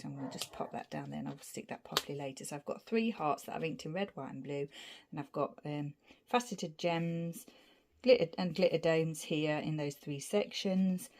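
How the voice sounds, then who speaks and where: Out of breath, a scrapbooking vlogger casually shows off her layouts, rambling from piece to piece as she describes the materials. Her voice sits low and is a little mellow.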